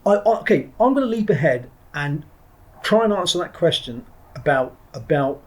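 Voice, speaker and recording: Speaking at a moderate pace with a fairly high pitch and lively intonation, a middle-aged English former Marine trainer recounts his story on a podcast. The talk is reflective interview material. His manner is blunt and wandering, full of restarts and the occasional curse.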